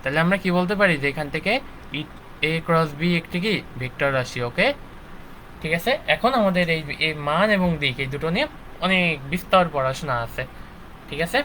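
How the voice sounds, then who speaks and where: A man's voice: on the high side, fairly quick, bright, forceful tone, a little hiss or hum, low-quality recording. A young man teaching a live online physics lecture, checking in with his students after nearly every point. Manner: checks in constantly with "ঠিক আছে?" and "okay". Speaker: physics instructor.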